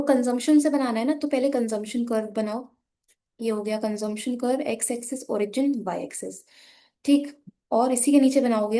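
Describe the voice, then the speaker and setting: A young Indian woman with a hoarse, sore voice, patiently teaching an economics lesson while drawing graphs and speaking softly. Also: a little high. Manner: patient, repeats "ठीक है" often, switches between Hindi and English.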